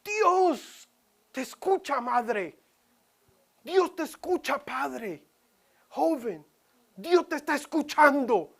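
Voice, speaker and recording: A woman preaching a sermon in church, dramatic, swinging from loud cries to hushed whispers. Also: sits high, lively intonation, extremely slow, long pauses.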